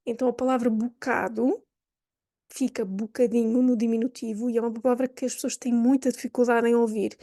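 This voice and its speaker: A woman with a Lisbon accent explains a language point in a chatty, thinking-aloud way. Her voice sits a little high and sounds mellow, and the sound is dry and close. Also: fairly even intonation, brisk, dry recording. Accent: Lisbon Portuguese. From Portugal. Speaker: language teacher. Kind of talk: explaining lesson to camera.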